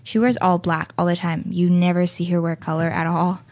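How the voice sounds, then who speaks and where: A teenage girl with a lowish voice chats on a student radio show. She talks casually, often halting to search for the right word. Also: flat delivery, darkish tone. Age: teens. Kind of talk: casual chat on air.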